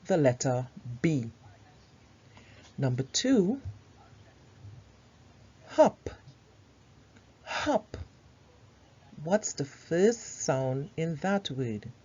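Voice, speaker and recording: Low-pitched woman teaching young children. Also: big pitch swings, takes it slowly, mellow, slightly rough, dull audio. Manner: addresses young children in simple, instructional phrases. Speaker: teacher hosting a phonics quiz for children. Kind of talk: children's lesson narration.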